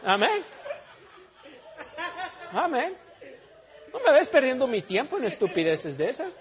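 Blunt high-voiced pastor preaching. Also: male voice, huge pitch swings, unhurried, muffled recording, a crowd in the background. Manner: blunt, teasing, calls out the congregation. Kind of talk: sermon. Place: church.

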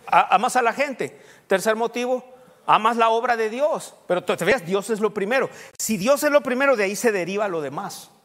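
A middle-aged male pastor preaching a sermon in a church hall, his voice high and its echo trailing long after each phrase. He speaks emphatically, pushing up in pitch and volume as he counts off his points. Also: brisk. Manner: emphatic, rising to loud peaks when listing points.

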